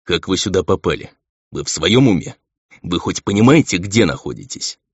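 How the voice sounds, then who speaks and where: A man's voice: low voice, sing-song, moderate pace, breathy edge, no room sound, full character voice. A man voicing a stern half-demon envoy. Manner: stern, insistent. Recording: dull lo-fi dry recording.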